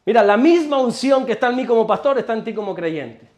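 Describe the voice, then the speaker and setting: A man's voice: very high-pitched, animated, fast, darkish tone. Man, pastor, Spain Spanish accent, emphatic sermon delivery, lots of repetition. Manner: emphatic, repeating phrases, rhetorical questions. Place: church before a congregation.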